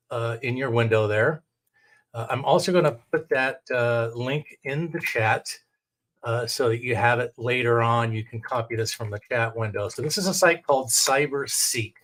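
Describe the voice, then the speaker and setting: A man's voice: mid-range voice, unhurried, a bit bright. A middle-aged man with an American accent giving a courteous, step-by-step instructional presentation on a screen share. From United States, Oregon. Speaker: technical director and adjunct lecturer.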